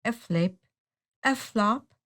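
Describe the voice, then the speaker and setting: Here a woman reads aloud from a children's picture book, her voice on the high side and her storytelling measured and expressive.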